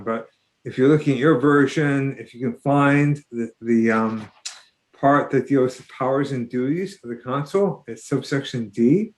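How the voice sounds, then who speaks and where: A man speaks to a committee, explaining legislative text in a methodical manner. He pauses often with fillers as he works through the wording, in a mid-range voice. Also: medium pitch. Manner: methodical, halting, many fillers. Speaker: legislative counsel.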